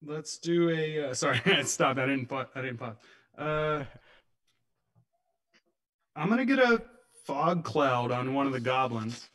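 A man's voice: medium pitch, expressive, a little slow, long pauses, a bit bright. A man playing in a tabletop game, talking bluntly and pushing to fight. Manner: blunt and gung-ho. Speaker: player.

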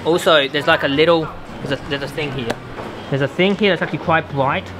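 A man's voice: a little high, a little fast. A young man hosting a casual, joking vlog outdoors while walking around a city. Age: young adult. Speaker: vlog host. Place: outdoors on busy city streets at night. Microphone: camera at arm's length. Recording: music and crowd noise outdoors. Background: music and crowd chatter.

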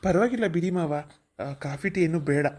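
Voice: mid-range voice, lively intonation, moderate pace, darkish tone, soft background music, natural voice. A voice actor playing a polite, respectful young village man in a cartoon. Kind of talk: cartoon voice acting.

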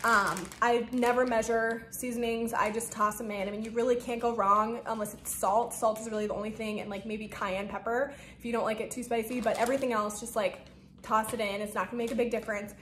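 A woman's voice: a little high, a bit bright. Chatty young woman vlogger, echoey room. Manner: chatty, rambling, lots of "like" and "um". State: a bit out of breath. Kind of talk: casual talk-through of meal prep. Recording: echoey room with faint noise.

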